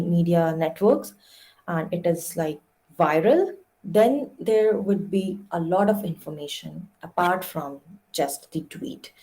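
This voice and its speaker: A young adult woman from India, serving as a guest lecturer, gives an academic lecture, explaining things step by step with frequent "uh" fillers. Her voice is on the low side, with a dark tone.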